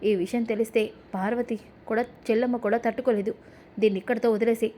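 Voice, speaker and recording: A calm elderly father who tries to settle a family quarrel with measured pleading, as a woman narrator puts him on. Her voice stays mellow and slightly high. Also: a little hiss or hum, lightly acted.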